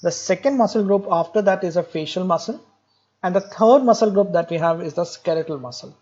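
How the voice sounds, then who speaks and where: High-voiced, male medical lecturer. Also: fairly quick, darkish tone, muffled recording. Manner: jokey, explanatory, repeats key points. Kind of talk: classroom lecture.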